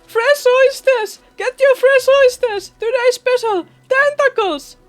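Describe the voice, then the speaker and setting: A woman voicing a pompous, exasperated gnome in a video game who breaks into shrill, theatrical cries. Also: steady tone, a little slow, soft background music.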